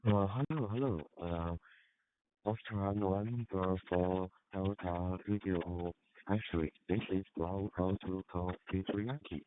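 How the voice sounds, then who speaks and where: Deep-voiced, slow-talking man from China, amateur radio op, mic overdriven and distorting, thin radio sound with light hiss. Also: steady tone. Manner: halting, with many hesitations. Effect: clipping, distorted overloaded mic. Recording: tinny radio transmission with faint static.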